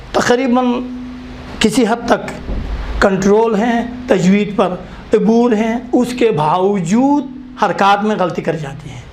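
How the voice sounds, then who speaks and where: A man's voice: sits high, slight background noise. A man teaching a Quran recitation class, patiently spelling out vowel sounds one by one.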